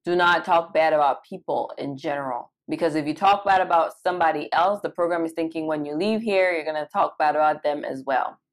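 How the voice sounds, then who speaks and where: A young woman from Cameroon hosts a live Q&A as an interview coach. Her voice sits a little low. She talks in an animated, emphatic way and repeats key words to drive them home. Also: a little fast, hardly any pauses. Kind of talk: live Q&A session.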